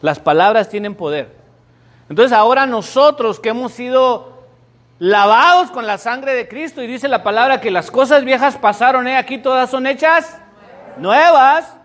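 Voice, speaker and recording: A man's voice: very high-pitched, lively intonation, moderate pace, fairly bright tone. A middle-aged man, a pastor preaching a sermon to his congregation with emphatic, dramatic storytelling. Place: church sanctuary before a congregation.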